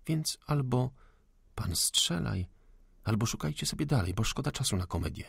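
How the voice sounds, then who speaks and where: A man voicing a proud young lady of the manor, calm, witty and unafraid, in an audiobook. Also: medium pitch, moderate pace, creaky, husky, no room sound, clean studio sound, voice pushed up, heavily acted. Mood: cool defiance. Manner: cool, ironic, unafraid.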